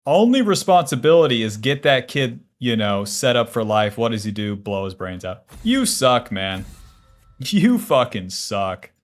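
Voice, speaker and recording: Soft music plays behind this medium-pitched, sing-song voice as a man in his twenties takes his time. He's livestreaming a game, talking bluntly and casually, cursing often and responding aloud to chat.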